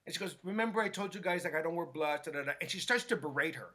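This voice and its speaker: A man, a hairstylist guest, telling a story in an animated way and acting out what others said. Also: a little high, racing. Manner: acts out quotes with lively voices, many restarts.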